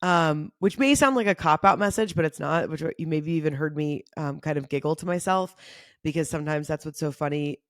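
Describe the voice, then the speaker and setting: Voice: medium pitch, a little fast, no room sound, studio quality. A podcast host giving a casual, informal spiritual talk and guided reflection, thinking aloud in a conversational way.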